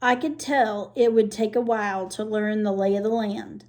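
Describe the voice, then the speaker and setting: A woman reading a novel aloud, breaking off for relaxed, chatty asides. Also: mid-range voice, normal speed. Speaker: reader and co-host.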